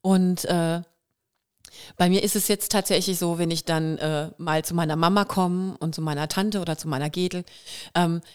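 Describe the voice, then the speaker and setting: A smooth, low-leaning female voice at normal speed belongs to an actress and singer from Kirrlach by Waghäusel, Germany. She's a lively storyteller in a casual podcast interview, mimicking dialect sounds, with a gentle trace of Kurpfalz dialect.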